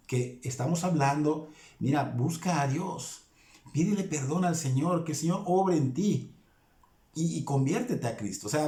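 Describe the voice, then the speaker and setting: A man's voice: fairly high pitch, warm tone, roomy sound. A man with a Mexican Spanish accent preaching a sermon in a church, impassioned and repeating phrases for emphasis. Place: church hall.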